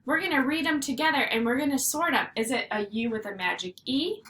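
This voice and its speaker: A woman teaching a phonics lesson to first graders, sounding out letters slowly and clearly. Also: sits high, lively intonation, a bit bright. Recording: echoey room with faint noise.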